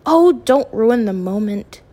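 A woman's voice: fairly high pitch, expressive, slow pace, warm tone. A woman voicing a worried, protective middle-aged mother who frets and objects. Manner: fretful, objecting.

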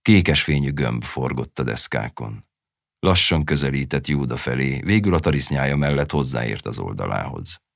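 A man reading a short story aloud as an audiobook narrator, in a measured, even storytelling manner. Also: a bass voice, vocal fry, no echo, clean studio sound. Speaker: audiobook reader.

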